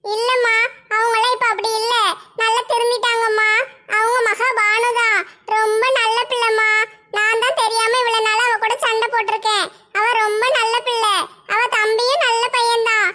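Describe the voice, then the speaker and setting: Little cartoon schoolgirl voiced by an actor, whiny, tearful, pleading, slow, very high and bright voice. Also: level tone, slight background noise. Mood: chatty. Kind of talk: comic cartoon voice acting.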